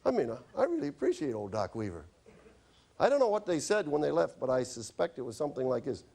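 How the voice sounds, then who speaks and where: A man's voice: a little high, big pitch swings, fast, creaky, darkish tone. A man who is a doctor, telling chatty, wry anecdotes in a health lecture. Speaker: doctor giving a stop-smoking talk.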